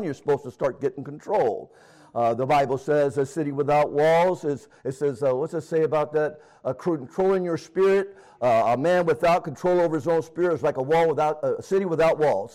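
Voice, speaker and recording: A man's voice: fairly high pitch, a little mellow, poor audio. Folksy middle-aged preacher man. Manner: homespun, fills pauses with "uh", restarts. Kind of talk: folksy sermon with prayer and personal story.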